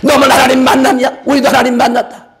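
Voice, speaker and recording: A man's voice: very high-pitched, little pitch movement, fast talker, a bit bright. A man putting on a proud, scornful woman. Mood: mocking. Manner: mocking, repetitive taunts. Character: proud scornful woman taunting her brother.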